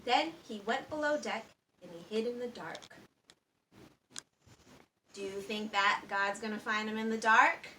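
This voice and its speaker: Her fairly high, pushed and bright voice carries an expressive children's story, complete with sound effects and questions to the listeners. She keeps a measured pace and pauses often. A distant microphone captures the echoey room along with faint background noise.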